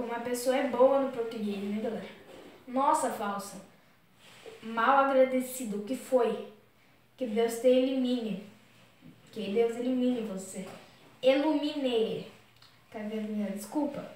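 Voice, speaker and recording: A woman's voice: on the high side, normal speed, darkish tone, distant mic. Chatty young woman in an echoey room. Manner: chatty, exclaims a lot, keeps saying "galera". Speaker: vlogger. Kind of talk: casual vlog, reading out messages. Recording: very echoey room, voice off-mic, faint noise.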